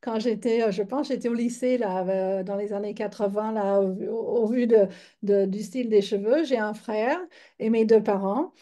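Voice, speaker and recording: Mellow-voiced woman in her fifties from Michigan. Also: medium pitch, fairly even intonation. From Michigan, United States. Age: 50s. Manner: chatty, halting, many fillers and restarts. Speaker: yoga teacher. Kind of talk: online lecture.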